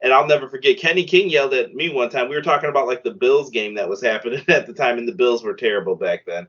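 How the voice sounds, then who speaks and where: A man who is a guest on a casual wrestling podcast, telling stories in an animated way and laughing often. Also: medium pitch, fast, highs cut off.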